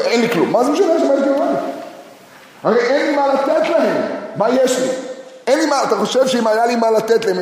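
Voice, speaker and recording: A man's voice: extremely high pitch, a little mellow. A man voicing a desperate, indignant widowed mother who fires off exasperated rhetorical questions. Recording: echoey hall with faint noise.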